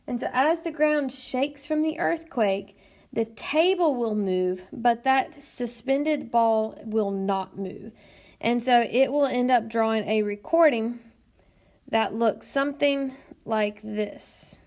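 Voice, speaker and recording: A woman teacher narrating a recorded lesson in a patient, explanatory way, often pausing with "um". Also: a little high, darkish tone. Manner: patient, explanatory, frequent "um" fillers. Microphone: tablet screencast mic.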